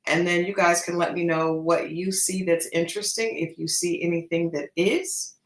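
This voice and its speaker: A woman gives casual, reflective gossip commentary. Her voice sits a little low for a woman. The room around her is clearly echoey. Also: steady tone, moderate pace. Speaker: host of a gossip show. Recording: echoey, reverberant room sound.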